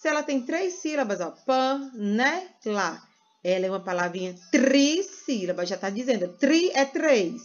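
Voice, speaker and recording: A Brazilian woman teaching first graders in a sing-song way, stretching words slowly for small children. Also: medium pitch, very animated, lo-fi sound. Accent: Brazilian Portuguese. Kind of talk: teaching a recorded lesson to young children.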